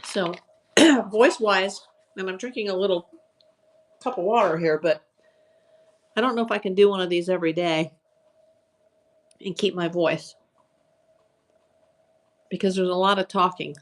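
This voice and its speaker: Unhurried and pausing often, a woman with a medium-pitched voice hosts a live auction stream in casual live-selling chat. She greets viewers by name and lists items, her voice worn and a little hoarse from hours of talking.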